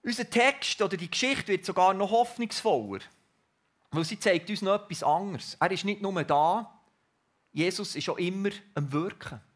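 A man preaching a sermon in an earnest, reflective way with pauses. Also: sits high.

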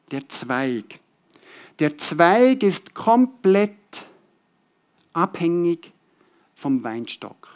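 Preaching a sermon to his congregation, a man with a slightly high voice repeats key words. His delivery swings from loud, stressed phrases to soft drops.

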